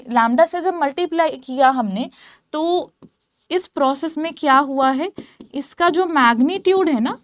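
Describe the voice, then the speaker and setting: Step by step, a female physics lecturer explains concepts at the whiteboard, switching between Hindi and English and checking in often to confirm understanding. Her voice sits high in a dry, clean studio recording.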